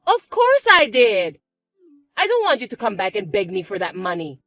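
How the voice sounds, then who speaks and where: A woman voicing a spiteful, bossy young stepsister who talks in a shrill, mocking, shouty way. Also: wildly swooping pitch, normal speed, dry recording, clean studio sound, soft background music. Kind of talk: chat-story voice acting.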